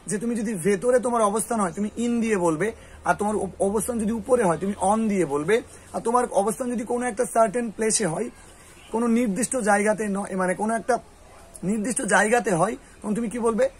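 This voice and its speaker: A man with a Bengali accent teaching spoken English, quizzing a student patiently and repeating phrases slowly. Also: high voice, slight background noise. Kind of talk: classroom lesson.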